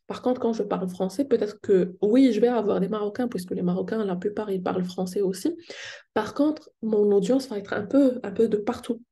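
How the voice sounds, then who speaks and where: With a medium-pitched, mellow voice and a somewhat quick delivery, a Moroccan online business coach gives advice to the camera and quizzes her viewers. She is a native Moroccan Arabic speaker with a Moroccan French accent.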